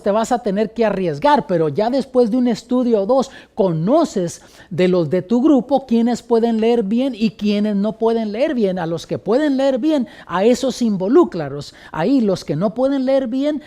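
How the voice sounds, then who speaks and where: A man, a pastor, teaching a training lesson on how to lead Bible studies, instructive and varying his loudness with pauses. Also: sits high, expressive.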